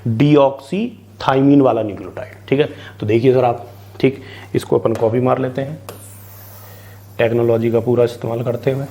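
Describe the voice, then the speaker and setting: Male biology tutor from India, mid-pitched, conversational question-and-answer lecture style. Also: fairly even intonation, moderate pace, dark tone, slight background noise. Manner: chatty, keeps asking and answering his own questions, mixes in English terms. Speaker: biology teacher. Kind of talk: online exam-prep lecture.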